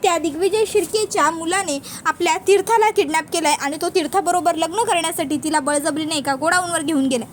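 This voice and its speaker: A woman's voice: very high voice, fast, few pauses, a little hiss or hum. A woman voicing an angry young man who hotly defends his sister. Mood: urgent. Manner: heated, urgent.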